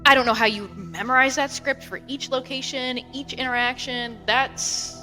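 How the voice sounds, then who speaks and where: A woman co-hosting a podcast, chatting casually in an animated way and laughing easily. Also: high voice, moderate pace, big-room sound, faint music behind. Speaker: podcast co-host. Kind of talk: casual chat.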